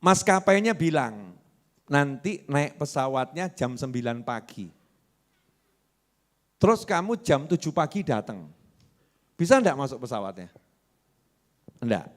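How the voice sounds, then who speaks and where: A man with a Javanese accent preaching a sermon in a mosque, lively and quizzing the congregation. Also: mid-range voice, a little slow, pauses often. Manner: lively, asks the congregation questions.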